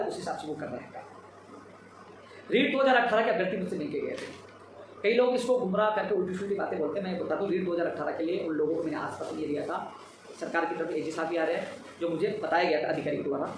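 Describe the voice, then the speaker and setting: Far from the mic and very echoey, a high-pitched man speaks over background noise. Worn out after a long day, this advocate for job seekers delivers an emphatic, repetitive live update to his followers about recruitment demands.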